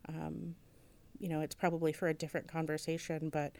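A woman's voice: low-pitched, completely flat delivery, fairly quick, gravelly, darkish tone. A woman museum curator answering interview questions, thoughtful and hesitant, with many fillers and restarts. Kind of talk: interview conversation.

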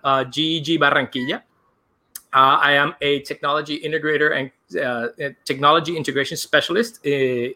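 Man on a video call, bright tone, halting and self-correcting. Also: on the high side. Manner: hesitant, many fillers and restarts. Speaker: technology integrator at a school. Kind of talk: casual video call introductions.

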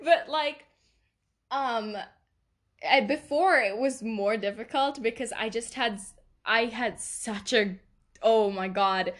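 This podcast host talks slowly, her voice fairly high and a bit bright, with a non-native accent. Alone at the mic, she meanders from one thought to the next, mocking herself and frequently cracking up at her own tales.

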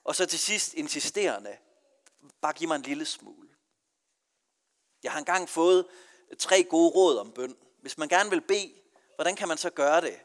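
A man's voice: fairly high pitch, animated. A pastor from Denmark delivers his sermon in a slightly raised voice, leaning on key words with earnest emphasis. His voice carries a long church reverb around it. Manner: earnest preaching with marked rises and falls in emphasis.

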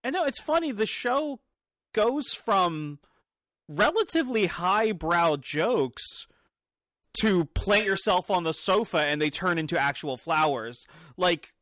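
A woman in her thirties in casual chat, animated and laughing often. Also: fairly low pitch, takes it slowly, dry recording, clean studio sound. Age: 30s.

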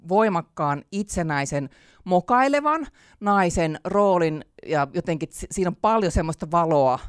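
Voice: medium pitch, animated, smooth, no echo, studio quality. An author and theatre teacher talking in a casual interview, chatty with lots of fillers and frequent laughter.

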